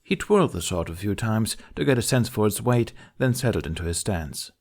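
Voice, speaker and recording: A man's fairly low voice tells a fan fiction story as scripted prose. His reading is expressive, in the manner of an audiobook, and fairly quick.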